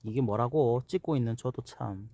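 A man's voice: medium pitch, moderate pace, warm tone, dry recording. A man casually narrating a homemade pet video outdoors while he films, now and then chatting to the animal. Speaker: vlogger filming own dog. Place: outdoors in an apple orchard.

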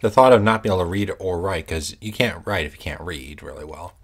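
Deep, husky-voiced husband, dry. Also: male voice, fairly quick. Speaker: host's husband. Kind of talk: casual chat while eating.

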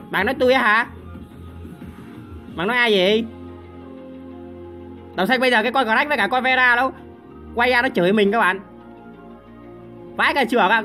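Young man, gaming commentary, high voice, bright tone, bursts of repeated words, faint game music behind. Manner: shouting, repeating words in bursts, swearing at teammates. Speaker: gaming streamer. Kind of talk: excited gameplay commentary.

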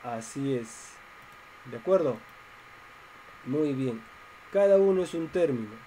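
A man's voice: medium pitch, lively intonation, takes it slowly, warm tone, slight background noise, poor audio. A man teaching a math class online, explaining step by step and asking his students questions.

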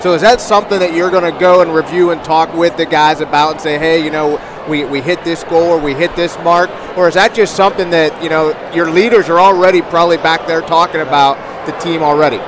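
Headset-wearing host asking long questions. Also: male voice, on the high side, steady tone, fairly quick, hardly any pauses. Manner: asks long rambling questions. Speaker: sports show host. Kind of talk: postgame interview. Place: high school gym, indoors. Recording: noisy gym background.

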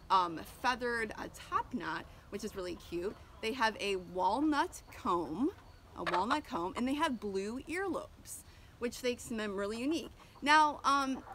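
A homesteader in her thirties chats casually about her chickens outdoors next to a coop, with plenty of ums and restarts, in a casual educational vlog. Her medium-pitched voice is a bit bright, picked up by a camera at close range with a little hiss or hum.

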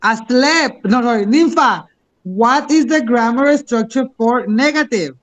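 Very high-voiced male teacher. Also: expressive, takes it slowly, fairly bright tone. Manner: encouraging, switches between English and Spanish. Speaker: English teacher. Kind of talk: online class instruction.

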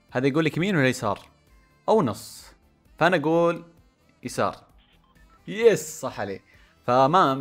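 A man hosting a gaming channel, talking in casual commentary that swings from mumbled guesses to loud outbursts. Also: a little high.

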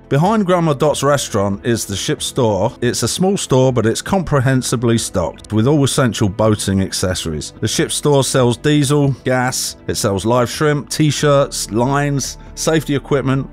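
A man reads a scripted travel-guide voice-over in a fairly low voice. He sounds clear and informative as he gives step-by-step directions. Soft music plays faintly behind him. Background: faint background music.

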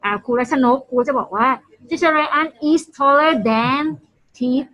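A woman's voice: high-pitched, fairly quick, muffled recording. A woman teacher explaining patiently on a video call and prompting her students to answer. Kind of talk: online class teaching.

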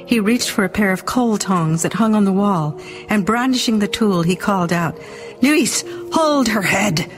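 Female audiobook narrator, expressive dramatic read, medium pitch. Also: normal speed, soft background music.

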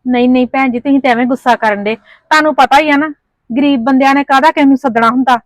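A woman's voice: high-pitched, fast talker, no room sound. A woman playing a poor mother who pleads humbly with a neighbour and mutters to herself, in a family drama. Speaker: mother hosting in-laws. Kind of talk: Punjabi village family drama acting.

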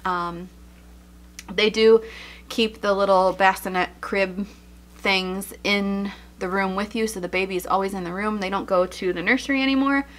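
A young woman talks casually to her viewers, a little out of breath, her voice at a middle pitch. She chats along with many "um"s and light laughs as she shows things one by one. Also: steady tone, normal speed. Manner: chatty, many fillers and laughs. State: slightly out of breath. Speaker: vlogger. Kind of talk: casual chat showing items.

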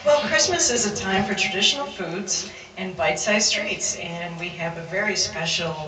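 A woman playing a mild, chatty radio co-host in a live pub comedy sketch, hushed and giggling. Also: mid-range voice, moderate pace, heavy background noise, close to an everyday voice. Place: crowded pub. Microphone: handheld mic. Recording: echoey pub, far mic, loud music.

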